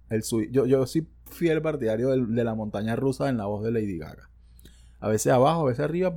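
Speaking into a studio microphone, this solo podcast host has a warm, creaky mid-range voice and a Venezuelan Spanish accent. His delivery is rambling and slangy, with self-deprecating jokes along the way.

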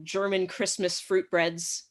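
A woman guest chatting playfully on a video call, dropping deadpan jokes. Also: on the low side, takes it slowly. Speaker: returning guest. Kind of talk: casual chat on a video call.

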